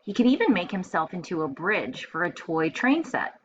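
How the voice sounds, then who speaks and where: This teacher's husky, lowish voice moves in a sing-song way at normal speed as she reads a storybook to her first-grade class. She is expressive and explains things simply, and the home recording sounds dull and lo-fi, with faint noise.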